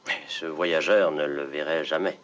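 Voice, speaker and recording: A man's voice: very deep voice, steady tone, normal speed, a bit bright, a little hiss or hum. An actor playing a thoughtful man of science, explaining things reflectively in a dubbed science fiction series.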